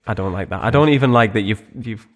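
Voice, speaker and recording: Podcast co-host: young man, low voice, easygoing and rambling. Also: quick pace. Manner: relaxed, rambling with fillers and restarts. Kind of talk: casual chat.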